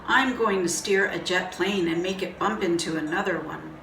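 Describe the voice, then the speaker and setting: A woman voicing an excited young farm boy who demands treats in a storybook reading. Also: lowish voice, normal speed, slight background noise. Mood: eager. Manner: eager, demanding. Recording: roomy distant mic, faint music.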